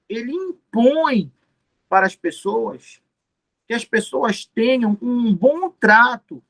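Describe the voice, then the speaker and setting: A man's voice: high-pitched, a bit bright. Man teaching a law class. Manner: explanatory, repeats key terms, asks and answers own questions. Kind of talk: recorded exam-prep lecture.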